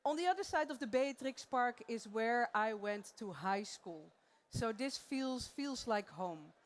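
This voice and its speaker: On a conference theater stage, a conference presenter from the Netherlands speaks with a Dutch accent, expressive and measured in pace. She jokes, chats freely and laughs a lot, her voice a touch higher than most women's.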